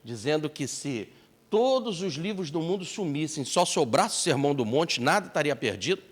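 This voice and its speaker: A man lecturing at a spiritist seminar, telling a story with expressive swings of pitch. His voice sits fairly high. The hall adds a long reverb. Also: normal speed.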